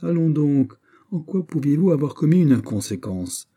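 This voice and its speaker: A man voicing a shrewd, calm bishop who questions his host in a measured, quietly insistent way, in an audiobook reading. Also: fairly high pitch, pitched above the performer's own voice. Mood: smooth. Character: calm, shrewd male bishop, smoothly probing.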